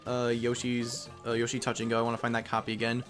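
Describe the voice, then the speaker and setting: A man's voice: medium pitch, monotone, fast talker, fairly bright tone. A young man giving casual, rambling commentary while playing a video game. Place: voice-over recorded over game audio. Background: faint game music.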